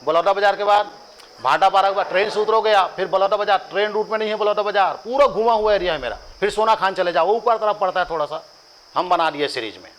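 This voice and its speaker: A man's voice: high voice, quick pace, a bit bright, poor audio. A man with a Chhattisgarhi accent teaching a coaching class, drilling lists by rhythmic repetition with joking asides to students. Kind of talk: classroom lecture with chanted drills.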